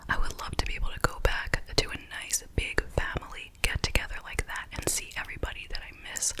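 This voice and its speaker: A woman whispers in a soft, breathy ASMR style. She chats casually and rambles like a host answering viewers, with tingly gum-chewing mouth sounds between and under her words. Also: poor audio.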